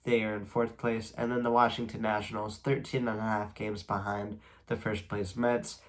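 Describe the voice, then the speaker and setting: A young man, stuffy-nosed and slightly hoarse, casually covers baseball standings in a solo video at normal speed and a lowish pitch. He reads stats steadily and rambles a bit in between.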